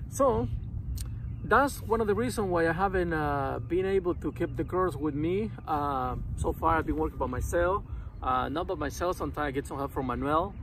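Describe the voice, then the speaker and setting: A man in his thirties who runs a lawn care business sits on the grass in a city park, talking casually to his phone camera held at arm's length. His voice is on the high side, he rambles with lots of fillers, and the background is noisy.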